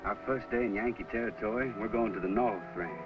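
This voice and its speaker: An actor playing an easygoing young country doctor with a Southern accent and a folksy drawl, in a 1950s TV western. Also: male voice, on the low side, fairly quick, over music, lightly acted. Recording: dull lo-fi old TV soundtrack.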